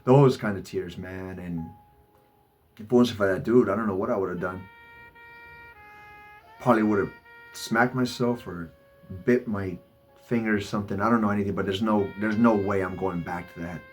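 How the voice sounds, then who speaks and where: A man speaking in a halting personal vlog monologue, with many stammered repeats. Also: fairly low pitch. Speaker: vlogger. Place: Los Angeles. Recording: faint music behind.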